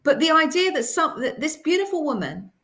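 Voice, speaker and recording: A woman hosting a panel discussion, talking in an animated, emphatic way with many restarts. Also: sits high, brisk. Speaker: host.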